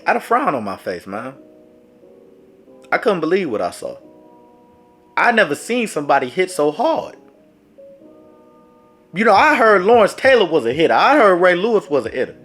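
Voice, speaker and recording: In his casual storytime vlog, a man whose voice sits high talks at a moderate pace with long pauses. Over faint background music, he dramatically and animatedly tells a sports story directly to viewers.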